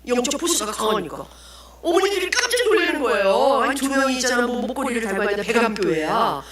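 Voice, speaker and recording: A woman evangelist giving a lively testimony to an audience, acting out the people in her story, in a church hall. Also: fairly high pitch, fast, crowd noise.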